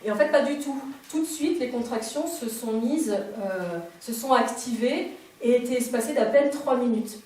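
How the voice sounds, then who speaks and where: A woman performing a storytelling stage monologue, lively and self-mocking, acting out sounds and cries. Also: on the high side, normal speed. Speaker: performer of a political stage lecture. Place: theatre stage before an audience. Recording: distant, echoey stage recording.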